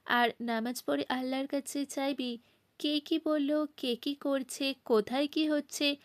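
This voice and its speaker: A woman's voice: high voice, fairly even intonation, a little slow. A woman voicing a stern, hot-tempered young man who lectures a girl in an audiobook. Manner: stern, commanding.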